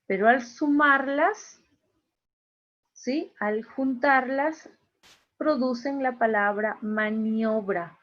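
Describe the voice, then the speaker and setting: Woman teacher, slow and repetitive, slightly high voice, dull video call audio. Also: a bit bright. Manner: slow, repeats key phrases, checks in with "¿listo?". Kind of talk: online class lecture.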